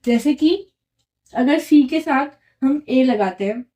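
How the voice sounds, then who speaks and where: A woman's voice: sits high, lively intonation, slow pace, warm tone. A young woman explaining a language lesson in a casual way, patiently repeating each answer and quizzing her viewers. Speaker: French teacher.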